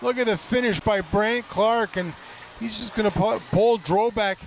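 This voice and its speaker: High-voiced man analysing hockey replays. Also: moderate pace, crowd noise. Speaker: hockey color commentator. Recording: noisy arena broadcast.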